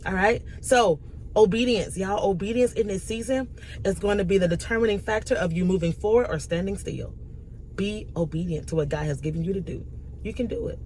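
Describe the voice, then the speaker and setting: Woman doing a faith-based pep talk, earnest, encouraging, keeps repeating the main points, middle pitch. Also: brisk, darkish tone, slight background noise, rough recording. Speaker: inspirational speaker.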